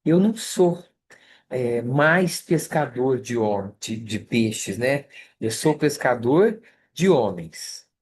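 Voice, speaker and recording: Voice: medium pitch, expressive, slow, slightly rough. Conversational Brazilian study group leader. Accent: Brazilian Portuguese. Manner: conversational, checks in with listeners often. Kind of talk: online scripture study lesson.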